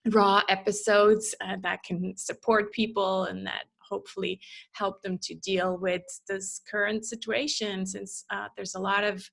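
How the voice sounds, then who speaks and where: A woman hosting a podcast, introducing her guest and asking gently inviting questions. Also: medium pitch, flat delivery, unhurried, vocal fry. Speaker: podcast host. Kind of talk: conversational interview.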